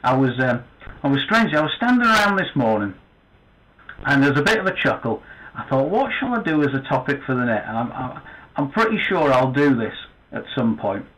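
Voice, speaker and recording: A man with a northern English accent runs an amateur radio net as guest host. He talks in a chatty, joking way, with fillers and false starts. His voice sits at an ordinary middle pitch. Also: big pitch swings, fairly quick, fairly bright tone, low-quality recording. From northern England. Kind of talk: casual amateur radio chat.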